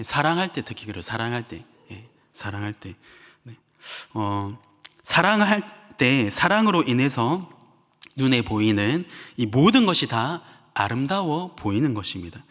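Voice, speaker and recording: Animated pastor in a reverberant church. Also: male voice, a little high. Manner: animated, acts out little scenes with sound effects and laughs. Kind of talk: sermon. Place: church sanctuary.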